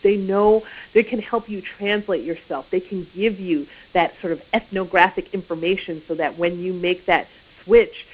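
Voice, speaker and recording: A woman giving career advice in an informal, conversational teaching talk, often saying "you know". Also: fairly low pitch. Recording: tinny phone-like sound.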